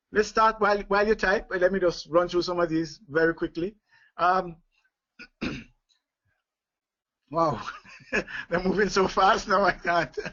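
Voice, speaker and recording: A man's voice: high voice, bright, forceful tone. A man leading a live online leadership training, talking with many fillers, restarts and chuckles. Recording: dull lo-fi webinar audio.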